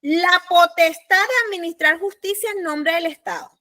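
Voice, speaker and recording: A woman with a Panamanian Spanish accent teaching a law class, speaking deliberately and repeating her key points. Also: very high voice, bright, forceful tone. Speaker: law lecturer. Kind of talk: recorded class lecture.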